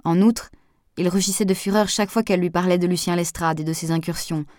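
Audiobook narrator, woman, measured delivery, low-ish voice, dry close recording. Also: fairly even intonation, darkish tone, dry recording. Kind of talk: scripted narration.

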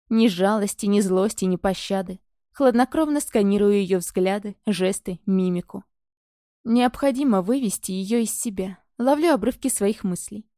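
A woman narrating a novel in the first person, in a calm, measured, detached way. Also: mid-range voice, no echo, studio quality. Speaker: audiobook narrator.

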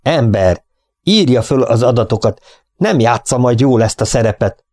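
A man's voice: medium pitch, animated, a little mellow, dry recording, lightly acted. A man reading an audiobook, voicing a stern, impatient male prison governor who speaks brusquely. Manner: brusque and commanding.

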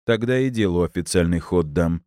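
A man voicing a smug, cynical police colonel who speaks in measured, sarcastic, deliberate words. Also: low-pitched, mellow, clear, resonant tone, dry recording, clean studio sound, lightly acted. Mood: cold, sarcastic.

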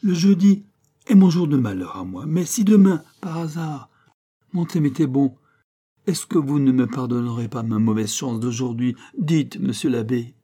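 A man's voice: medium pitch, normal speed, warm tone, pitched above the performer's own voice, close to an everyday voice. A man voicing a clumsy teenage schoolboy who pleads and whines with his teacher, in an audiobook. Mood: pleading. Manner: pleading, whining.

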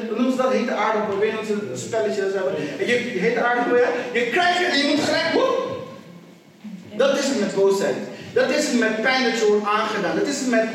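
A man preaching a sermon, urging his congregation on and repeating phrases for emphasis. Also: extremely high pitch. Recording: echoey hall, distant mic, congregation audible.

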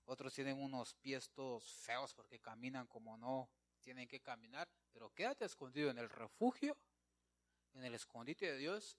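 Emphatic preacher man. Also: medium pitch. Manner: emphatic, keeps calling listeners brother; swings between loud declarations and quiet asides. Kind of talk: evangelical sermon.

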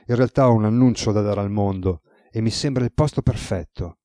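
A weary, ironic male god with a relaxed, teasing way of speaking, voiced by a man reading a novel aloud. The voice sits low and mellow. The recording is close and dry. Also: brisk, dry recording, lightly acted. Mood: calm.

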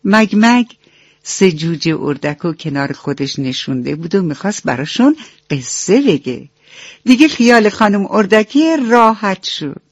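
A woman's voice: mid-range voice, very animated, no echo. A woman reading a children's bedtime story aloud in an affectionate, storytelling manner. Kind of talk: scripted children's narration. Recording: dull lo-fi radio recording with soft music.

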